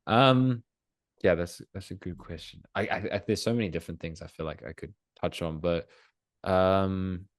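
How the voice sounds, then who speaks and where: Male podcast guest, very low voice, dry, thoughtful and hesitant. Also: moderate pace, dry recording. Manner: thoughtful, hesitant restarts, agreeable. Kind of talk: casual podcast conversation.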